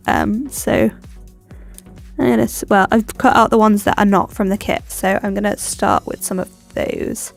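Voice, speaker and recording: This planner vlogger's voice is a little high and gravelly. Congested with a cold, the young woman narrates chattily as she decorates her planner, rambling with frequent ums.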